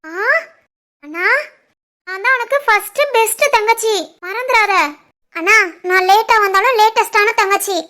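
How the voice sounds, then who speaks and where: A woman's voice: very high-pitched, moderate pace, pauses often, pushed and bright. A woman voicing a cheeky, playful young sister who teases her brother, with a Kanyakumari Tamil accent, in a cartoon family drama. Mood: teasing. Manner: playful, teasing.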